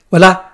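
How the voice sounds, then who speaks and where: A man hosting a casual faith podcast, rambling and searching for words, with a teasing streak. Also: sharp tone. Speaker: podcast host. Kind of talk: casual religious chat.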